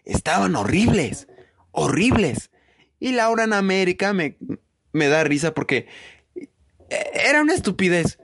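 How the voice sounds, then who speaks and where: A man's voice: sits high, sing-song, a little slow, pauses often, a bit bright. A man with a Mexican Spanish accent in a profane, rambling, mocking comedic monologue.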